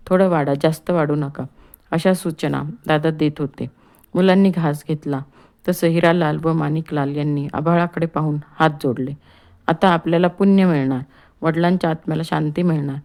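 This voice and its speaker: A woman narrating an audiobook chapter in a calm, steady reading voice. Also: sits low. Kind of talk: scripted storybook narration.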